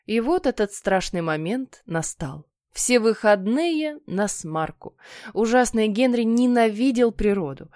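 Woman, storybook narrator, playful, expressive, dry recording. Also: fairly high pitch, measured pace, dry recording. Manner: lively, playful. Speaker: audiobook reader.

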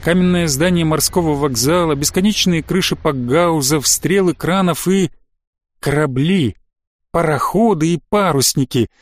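A man reading a novel aloud as a narrator, in a steady storytelling manner. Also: fairly high pitch, normal speed, no room sound. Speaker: audiobook narrator. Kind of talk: scripted narration.

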